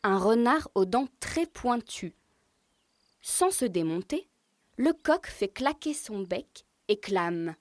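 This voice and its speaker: A woman telling a children's tale in a lively, expressive way. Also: mid-range voice, takes it slowly, no echo. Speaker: storyteller. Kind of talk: scripted narration for children. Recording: narration over music.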